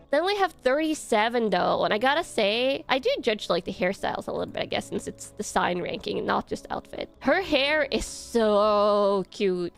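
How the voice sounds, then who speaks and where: A young woman talks through her ranking in loose, rambling commentary, full of fillers and quick giggles. Her voice sits a bit high, with soft music playing quietly behind. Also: vocal fry. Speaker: content creator. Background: soft background music.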